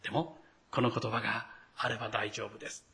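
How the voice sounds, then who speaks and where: A man's voice: lowish voice, level tone, fairly quick, gravelly, sharp tone. A male pastor preaching a sermon, speaking to the congregation directly and acting out the quoted lines.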